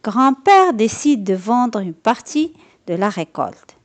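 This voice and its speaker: A woman narrating a children's storybook aloud in a slow, expressive, lilting way. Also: fairly high pitch.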